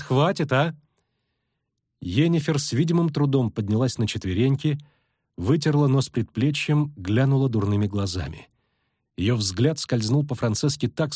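A man reading a fantasy novel aloud in measured, even narration. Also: medium pitch, slightly rough, no room sound, studio quality. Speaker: audiobook reader. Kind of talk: scripted narration.

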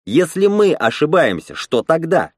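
Man voicing a young lad, anxious, pressing, raised pitch, dry sound. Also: big pitch swings, a little slow, dry recording. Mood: doubtful. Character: young man, worried questioner from crowd.

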